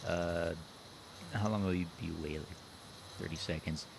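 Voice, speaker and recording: A man's voice: sits low, steady tone, moderate pace, vocal fry, noisy background. A man hosting a casual group chat, teasing his friends playfully. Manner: teasing, playful, counts down jokingly. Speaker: podcast host.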